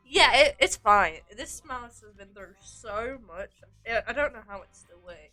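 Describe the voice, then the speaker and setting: A girlish woman livestreamer chatting casually with her viewers in a playful, bubbly, excitable way, like a gamer girl on a headset. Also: a little high. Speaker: livestreamer greeting and answering chat. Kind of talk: casual gaming livestream chat.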